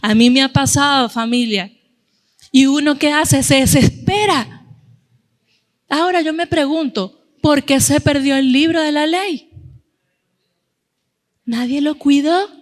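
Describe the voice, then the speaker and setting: A middle-aged woman preaching a sermon in a church, telling stories in a lively way and acting out the voices of the people in them. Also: high-pitched, long reverb tail. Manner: animated storytelling, acting out quoted voices.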